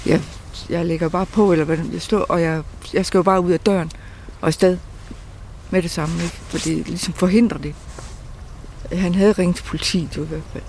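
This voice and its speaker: A man recounting a painful memory in a halting way, often repeating words and restarting sentences. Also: high-pitched, a little mellow, a little hiss or hum. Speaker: interviewee. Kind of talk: personal testimony.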